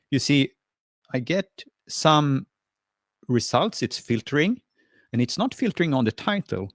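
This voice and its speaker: Clean studio sound with no room noise captures a medium-pitched male voice. He's Swedish, a native speaker of Swedish, running a friendly, encouraging screen-share tutorial on a video call while hesitating, restarting, and using lots of fillers.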